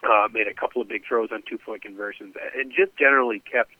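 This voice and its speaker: A man's voice: on the low side, steady tone, fast talker, no echo. A male sportswriter with a nasal, blocked-sinus voice, breaking down a football game play by play over the phone. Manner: detailed, recounts plays with many uhs. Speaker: sportswriter guest. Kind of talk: casual sports analysis. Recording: tinny phone line.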